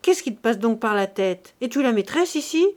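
Stingy old man read by a woman, gruff, dismissive, somewhat high, storybook reading. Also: expressive, normal speed, a little mellow, natural voice. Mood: stern. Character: stingy old male miser, curt and commanding.

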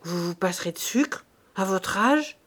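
A woman's voice: medium pitch, lively intonation, a little slow, fairly bright tone. A woman voicing a blunt, stubborn peasant servant woman who speaks her mind. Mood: insistent.

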